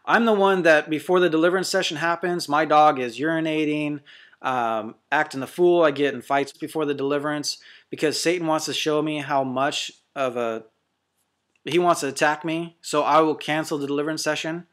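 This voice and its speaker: A man preaching as a deliverance minister in a fervent, blunt monologue, swinging between quick bursts and slow, stressed lines. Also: on the high side, steady tone, fairly bright tone.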